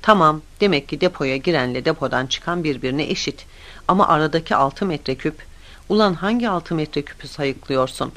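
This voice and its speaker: A man voicing a hot-tempered, bossy male construction boss who talks down to people with impatient, scornful shouting. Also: fairly high pitch, moderate pace. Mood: angry.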